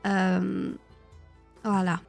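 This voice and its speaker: A woman's voice: medium pitch, monotone, very slow, gravelly, soft background music. A woman hosting a casual live stream, chatting with her viewers, laughing often and filling her talk with hesitations. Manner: chatty, laughs often, many fillers and restarts.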